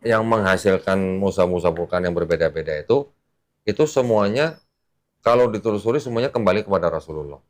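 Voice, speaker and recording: Deep-voiced man explaining patiently. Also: lively intonation, brisk. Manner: patient, uses everyday examples, laughs often. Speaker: Islamic teacher explaining to a guest. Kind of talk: casual explanatory chat.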